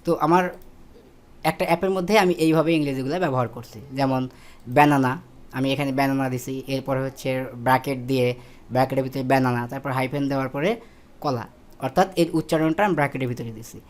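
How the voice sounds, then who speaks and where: A man's voice: medium pitch, steady tone, fast. Tutorial voice-over: a man walking through spreadsheet steps, with fillers and self-corrections. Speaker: instructor. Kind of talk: screen-recorded spreadsheet tutorial.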